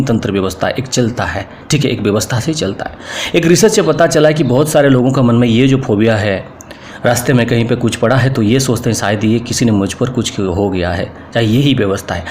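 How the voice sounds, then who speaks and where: A spiritual teacher with an Indian accent gives an earnest, informal lesson to camera, often repeating himself and mixing English words into his speech. His voice is medium-pitched, with a little hiss or hum on the recording.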